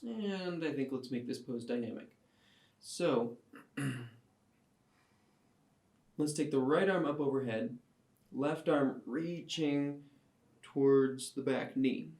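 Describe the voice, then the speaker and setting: A man teaching a yoga class, giving calm step-by-step cues timed to the breath. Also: medium pitch, slow, long pauses. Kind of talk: guided yoga class instruction. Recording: roomy sound, mic at a distance.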